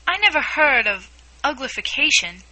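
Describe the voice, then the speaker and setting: A woman's voice: high voice, very animated, moderate pace, sharp tone, pitched above the performer's own voice, full character voice, rough recording. Woman voicing polite, curious young Alice. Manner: polite, slightly indignant questioning.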